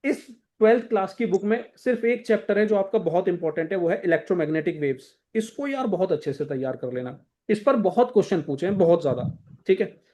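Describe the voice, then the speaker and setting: A man's voice: sits high, lively intonation, brisk, a little mellow. Hindi-speaking man teaching exam prep. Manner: casual, directive, repeats "thik hai" to check in. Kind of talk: exam-prep lesson walking through a textbook.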